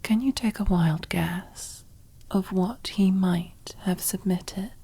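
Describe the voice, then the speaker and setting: A woman acts out a commanding, possessive, silkily menacing female mob boss in a close, whispered ASMR roleplay. Her husky, breathy near-whisper is mid-range and dark, heavily acted, with calm menace. She speaks slowly and deliberately, teasing and using condescending endearments.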